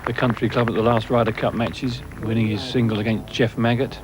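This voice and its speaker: A man's voice: mid-range voice, flat delivery, a little fast. A man giving analytical live commentary as a golf commentator. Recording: noisy outdoor broadcast ambience. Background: outdoor course ambience.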